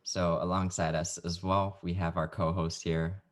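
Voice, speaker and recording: A man hosting a casual interview over a video call, his voice pitched very low. His tone is easygoing and jokey as he leads the questions. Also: flat delivery, normal speed. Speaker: podcast host.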